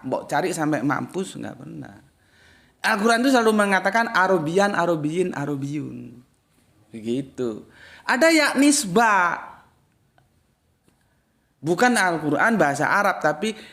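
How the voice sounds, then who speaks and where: Blunt and slangy, a male Islamic study teacher gives a laid-back religious lecture, now booming with emphasis, now dropping to low, muttered remarks.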